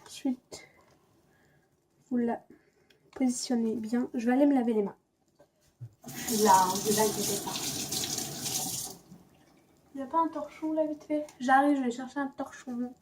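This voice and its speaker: A young woman talks her viewers through a simple home recipe, unhurried and playful, often joking with herself. Her voice sits a little high and her delivery is slow. The camera mic picks up faint noise from the kitchen. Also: darkish tone. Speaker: cooking vlogger. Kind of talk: casual home cooking demo. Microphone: camera mic propped on a stand.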